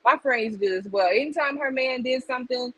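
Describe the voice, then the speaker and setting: A woman's voice: sits high, brisk, bright, forceful tone, low-quality recording. A woman giving a casual live psychic tarot reading, rambling conversationally and checking in with listeners. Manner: rambling and conversational, heavy on "like" and "you get what I'm saying". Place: home livestream setup.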